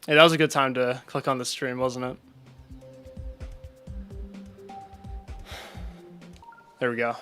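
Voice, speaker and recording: A man's voice: mid-range voice, fairly even intonation, normal speed, bright, forceful tone, faint music behind. A man giving casual live-stream commentary while playing, chatting with his viewers between attempts. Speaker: gaming streamer.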